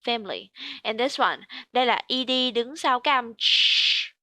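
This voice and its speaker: A woman with a Vietnamese accent teaching English pronunciation, modelling words slowly and repeating them for her student. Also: fairly high pitch, animated, sharp tone, dry recording.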